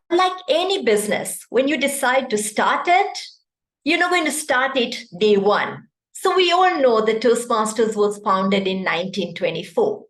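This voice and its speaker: A woman's voice: fairly high pitch, a bit bright. A woman from Kenya, giving a prepared speech over a video call and often putting questions to her audience. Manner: interactive, poses questions to the audience. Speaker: club speaker. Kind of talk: prepared speech at an online meeting. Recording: echoey room.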